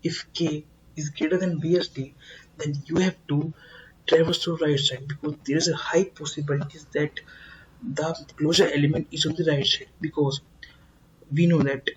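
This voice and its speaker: Man slowly explaining a coding lesson. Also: a little high, fairly even intonation, muffled recording, slight background noise. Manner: slow, repetitive, emphatic explaining with many fillers. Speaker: programming tutor.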